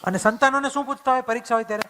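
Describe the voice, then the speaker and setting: A man's voice: very high-pitched, fairly even intonation, very fast, bright, forceful tone, a little hiss or hum. A man giving a motivational storytelling talk to an audience, acting out family conversations. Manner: acts out family dialogue in plain voice. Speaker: motivational speaker. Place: community hall event. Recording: hall reverb, stage mic.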